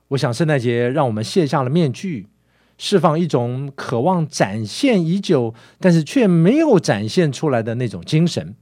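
A man preaching a sermon in a lively storytelling way, sprinkling in soft filler sounds. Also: medium pitch, dry recording, studio quality.

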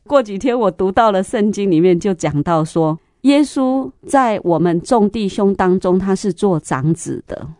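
A middle-aged woman, sharing a church testimony in an interview, telling stories lively and acting out the dialogue. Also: medium pitch, moderate pace, few pauses, no room sound, studio quality. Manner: lively storyteller, acts out dialogue, laughs often.

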